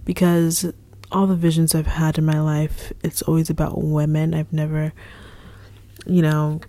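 A young woman leading a casual devotional talk for her ministry, earnest and repetitive, often dropping into a soft whispery delivery. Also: low-pitched, completely flat delivery, measured pace, no echo. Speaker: ministry leader.

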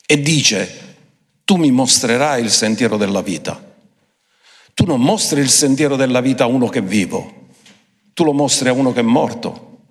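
A man preaching a sermon emphatically, switching between quick phrases and slow, drawn-out ones. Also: mid-range voice, expressive. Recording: long hall reverb.

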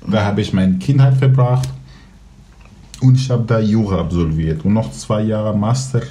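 Mellow-voiced man of thirty from Syria. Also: fairly low pitch. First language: Kurdish. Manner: fast-talking, earnest, recounts at length. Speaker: interview guest. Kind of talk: conversational storytelling.

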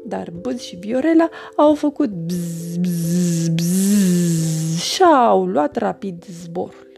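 A woman reading a children's storybook aloud with an expressive, animated delivery. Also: lowish voice, gravelly, faint music behind.

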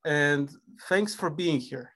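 A man's voice: on the high side, slow, fairly bright tone. A man from a former Soviet country hosting a podcast interview, introducing his guest with admiration. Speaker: podcast host.

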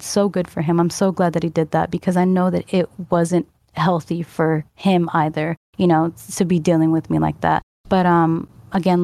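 A woman's voice: lowish voice, dark tone, no echo. A woman telling a personal story in casual chat, rambling and earnest, full of "like" and "you know". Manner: earnest, emotional recounting with sighs.

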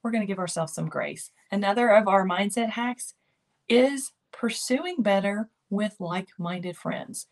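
With an unhurried, mid-range voice, an older woman delivers encouraging motivational talk to camera for her keto lifestyle channel, repeating coaching phrases as she goes.

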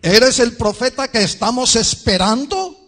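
A man voicing a group of temple priests, insistent and demanding, who fire loud, high questions. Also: expressive, measured pace, exaggerated voice.

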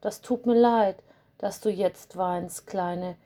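A woman voicing a gentle, timid young fir tree that speaks softly and apologetically in a storybook. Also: medium pitch, steady tone, slow pace, close to an everyday voice. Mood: kind. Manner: soft, apologetic.

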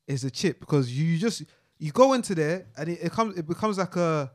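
Animated high-pitched young London roadman. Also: a little fast. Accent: London roadman, multicultural London English. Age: young adult. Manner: animated, emphatic storytelling with repeated phrases. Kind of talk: casual group chat, heavy street slang.

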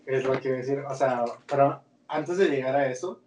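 A man with a mid-range voice and a Mexican Spanish accent talks fairly quickly, sounding far from the mic in a roomy space with background noise. He co-hosts a podcast, chatting casually about a cartoon series in slang and often restarting his sentences.

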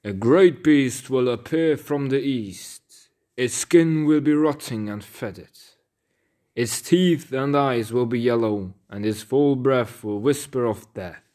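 A man voicing a wise old prophet and bard in a storybook, speaking slowly, solemnly and with foreboding. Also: mid-range voice, darkish tone, lightly acted. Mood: ominous. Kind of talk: storybook character voice.

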